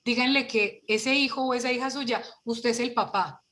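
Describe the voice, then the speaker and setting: A woman leading an online workshop for parents, lively and full of rhetorical questions, heard over a video call. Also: on the high side, moderate pace.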